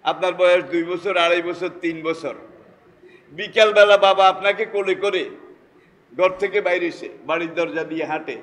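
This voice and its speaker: This is a Bangladeshi preacher giving a Friday sermon in a Bengali accent, his voice high for a man and fairly bright, his tone steady and his pace moderate. He repeatedly poses rhetorical questions to the congregation while a long reverb trails each phrase through the hall.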